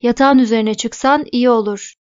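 A woman's voice: on the high side, fairly even intonation, moderate pace, no room sound, lo-fi sound, close to an everyday voice. A woman reading a stern, bossy older boy. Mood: curt. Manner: stern and lecturing. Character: bossy, serious older boy, a young teen.

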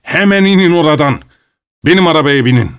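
A man voicing an anxious, hot-tempered middle-aged gentleman who speaks loudly and urgently. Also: mid-range voice, lively intonation, fairly quick, close to an everyday voice. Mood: angry, shouting.

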